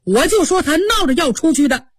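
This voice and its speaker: A woman's voice: very high voice, animated, fairly quick, no echo, pitched above the performer's own voice. A woman voicing a hot-tempered pampered young nobleman in a storybook tale, curt and scolding.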